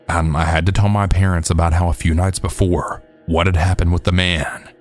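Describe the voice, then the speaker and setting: A man narrating true scary stories in a steady, measured storytelling voice. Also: low-pitched. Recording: faint background music.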